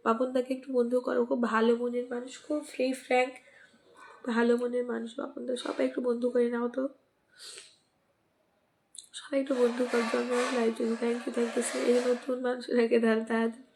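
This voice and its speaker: Female live-stream host, croaky from a cold, slightly high pitch. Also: little pitch movement, brisk, background noise. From West Bengal, India. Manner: greets and thanks commenters by name, asks for mentions. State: sore throat and cold, coughing. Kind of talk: casual live-stream chat with viewers.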